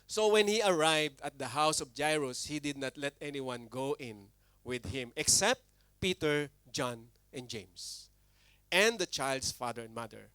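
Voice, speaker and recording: A man preaching a sermon as pastor, animated, with big swings between loud and soft. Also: on the high side, slow pace, clean tone, dry recording.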